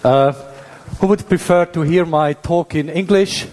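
A man's voice: a little high, unhurried, a little mellow. Swiss German man lecturing in a reverberant hall. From Switzerland. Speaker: university professor, conference speaker. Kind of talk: technical conference lecture. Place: indoor hall at a tech conference.

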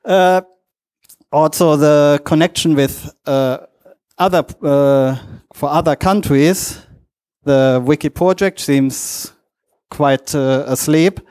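A man who is not a native English speaker gives a lightning talk presentation in a halting, hesitant way, in short fragments. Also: fairly high pitch, darkish tone. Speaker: conference speaker.

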